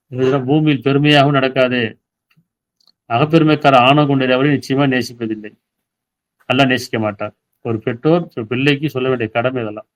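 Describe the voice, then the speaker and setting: A man's voice: medium pitch, highs cut off. A man giving a sermon, reading verses aloud and explaining them, often asking his listeners questions. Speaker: Islamic preacher.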